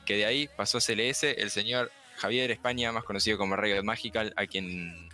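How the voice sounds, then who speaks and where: A man hosts a casual podcast, rambling, playful and a bit apologetic. His voice is low yet bright and forward. Faint music plays beneath him. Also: fairly even intonation, a little fast. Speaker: podcast host.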